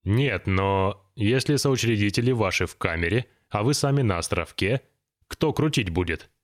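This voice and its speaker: A man's voice: on the low side, normal speed, lightly acted. A man voicing a polite, anxious younger employee who is easily flustered in an audiobook reading. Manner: polite, anxious, taken aback.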